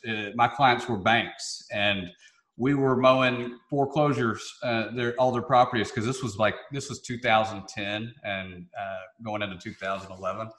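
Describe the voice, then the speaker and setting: A man's voice: lowish voice, fairly even intonation, normal speed, a bit bright. A youngish man from Memphis with a Southern hillbilly twang, telling stories casually as an interview guest in a folksy, joking, informal way. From Memphis, southern United States. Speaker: podcast guest, real estate investor. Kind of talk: casual anecdotal interview talk. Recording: roomy, echoey sound.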